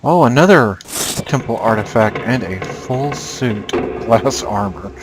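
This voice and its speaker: A man's voice: lively intonation, measured pace. A man giving casual, playful game commentary in short offhand remarks. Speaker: gamer commentating a playthrough. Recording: loud rumbling noise behind the voice.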